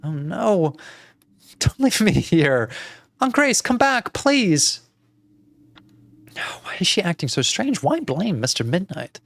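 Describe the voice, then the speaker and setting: A man voicing a frightened little girl in a video game, reading her lines in a high, pleading, childlike voice. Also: very animated, normal speed, gravelly, few pauses, a bit bright, husky, dry recording, full character voice.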